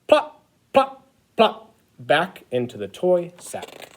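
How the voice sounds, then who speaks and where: Man playing an animated, childlike Christmas elf storyteller. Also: on the high side, takes it slowly, heavily acted. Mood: eager storytelling. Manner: expressive, exaggerated, addressing children. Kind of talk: animated picture-book read-aloud.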